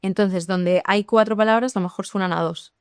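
Lively woman explaining. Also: medium pitch, fairly quick, clear, resonant tone, no echo, clean studio sound. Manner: lively, explanatory, addresses listeners directly. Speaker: English teacher. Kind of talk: podcast conversation.

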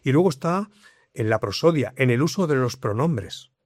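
A man explains things in a lively, conversational way, often repeating his point. He speaks at a middling pitch into a dry, close microphone with no room sound. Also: normal speed, no echo. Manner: explanatory, lively, leans on repetition. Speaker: guest, communication coach. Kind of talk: conversational interview.

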